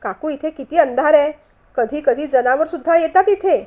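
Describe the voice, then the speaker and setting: A kind young woman who keeps pleading with others to come inside, earnest and insistent, as a woman narrator reads her part. Her voice sits high. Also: normal speed, darkish tone, natural voice.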